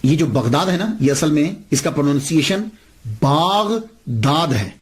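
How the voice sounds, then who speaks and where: A man preaches a saint's story with animated delivery, posing rhetorical questions and acting out the dialogue. His voice sits a little on the higher side. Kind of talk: religious storytelling sermon.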